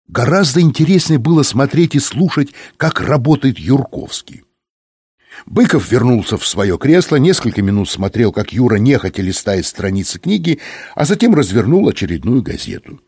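A man's voice: medium pitch, very animated, normal speed, darkish tone, slightly rough, no room sound, studio quality. A man reading a story aloud as an audiobook narrator, telling it evenly and giving the characters their own voices.

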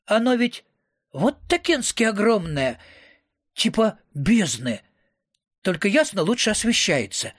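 Man, audiobook reader, first-person narration, slangy, wisecracking, high voice, dry recording. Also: big pitch swings, moderate pace, dry recording.

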